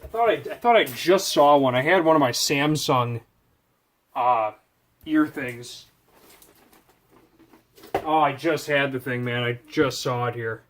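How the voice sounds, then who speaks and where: Pausing often, a man with a medium-pitched, somewhat bright voice moves at a measured pace through a casual unboxing on his product review channel. It's unscripted and rambling, as he thinks aloud while handling things.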